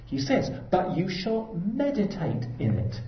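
A man preaches a sermon with earnest exhortation and lively swings in pitch. His voice rings through a roomy church hall. The recording is dull and lo-fi, with faint ambience behind. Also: unhurried, slight background noise. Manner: earnest, exhorting, rising to emphatic peaks.

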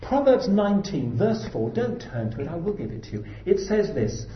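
Earnest preacher in a roomy hall. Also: male voice, high voice, big pitch swings, moderate pace. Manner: earnest, exhorting, rising to emphatic peaks. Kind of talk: sermon. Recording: dull roomy hall recording.

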